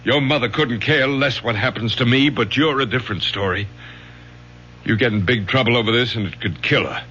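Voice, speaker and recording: A man's voice: mid-range voice, brisk, sharp tone, close to an everyday voice. An actor playing a protective middle-aged father, a college professor, with an American accent and a firm, urgent manner in radio drama style. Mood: firm, commanding. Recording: dull lo-fi old radio broadcast, faint hum.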